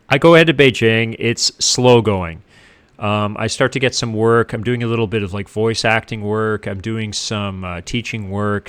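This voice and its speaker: A middle-aged man from Canada, a guest casually telling his life story in an animated way, acting out what others said. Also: fairly low pitch, clear, resonant tone. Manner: animated, acts out what people said.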